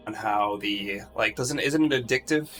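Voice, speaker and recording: Bright-voiced, hesitant male player. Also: fairly low pitch, moderate pace, soft background music. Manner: hesitant, searching for words. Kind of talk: casual tabletop play.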